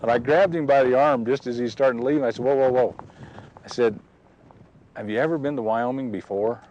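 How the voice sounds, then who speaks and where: A man's voice: mid-range voice, fairly quick, darkish tone, muffled recording. A man giving an earnest personal faith testimony outdoors at a historic site, acting out the dialogue as he tells it. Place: outdoors on a ridge.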